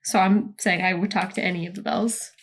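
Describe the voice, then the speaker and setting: A woman's voice: on the low side, steady tone, a little fast, husky. A woman playing a tabletop game, speaking politely and hesitantly in character, with many fillers. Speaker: player. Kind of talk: casual tabletop role-play.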